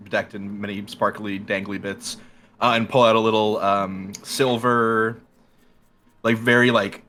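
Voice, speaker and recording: A man's voice: fairly low pitch, sharp tone, a little hiss or hum. A man describing his character's actions in a tabletop game, rambling with many likes and uhs. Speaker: player. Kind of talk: tabletop role-play, in character.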